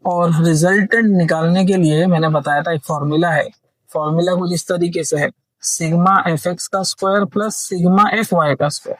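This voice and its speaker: A man with a high, bright-ish voice and fairly even intonation teaches engineering at a moderate pace, though the dry recording has poor audio. He patiently walks students through a worked problem step by step, often saying "theek hai" to check understanding and mixing English technical terms into his Hindi.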